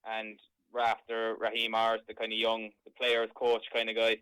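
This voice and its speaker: Male sports podcast co-host, Cork accent, crisp and forward voice, rambling conversational delivery. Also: on the low side, monotone, moderate pace, bright, forceful tone, no echo, rough recording. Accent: Cork, Irish. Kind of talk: casual sports discussion.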